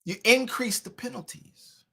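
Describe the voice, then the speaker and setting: A man's voice: extremely high pitch, a little slow, gravelly, slightly rough. Mocking man ranting on a stream. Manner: mocking, preachy, loud swings in volume. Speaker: commentary host. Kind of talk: livestream commentary.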